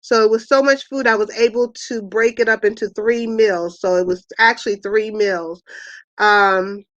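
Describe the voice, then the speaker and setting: A woman's voice: mid-range voice, fairly even intonation, normal speed, a bit bright, no room sound. A middle-aged woman hosting an online wellness chat, rambling casually with many fillers and restarts. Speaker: host of an online wellness party. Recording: dull, lo-fi sound.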